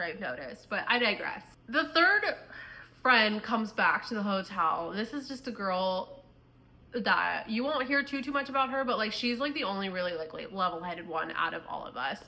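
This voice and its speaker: Young midwest girl doing a storytime vlog, bright sharp voice, lots of likes. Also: medium pitch, expressive, normal speed, gravelly. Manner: chatty storytelling, filler-heavy. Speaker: vlogger.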